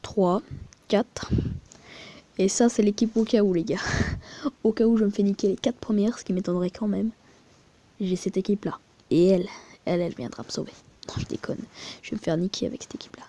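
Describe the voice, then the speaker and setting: Mellow-voiced woman rambling over a game. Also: medium pitch, steady tone, fairly quick, long pauses. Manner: crude, rambling, chatty with muttered asides. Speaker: mobile game vlogger. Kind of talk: casual screen-recording commentary.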